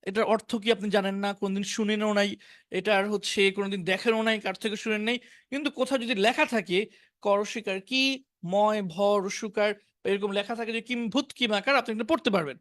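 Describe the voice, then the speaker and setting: A man's voice: high voice, steady tone, a bit bright. Bangla-speaking man teaching English vocabulary. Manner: colloquial, repeats each vocabulary word slowly. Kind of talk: live online class.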